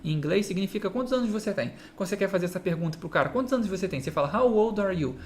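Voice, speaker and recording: A man with a Brazilian Portuguese accent giving a direct-to-camera guitar lesson, often checking in with the listener through quick rhetorical questions. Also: sits high, lively intonation, slight background noise. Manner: explains with repeated "entende?" and quick rhetorical asides. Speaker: guitar teacher.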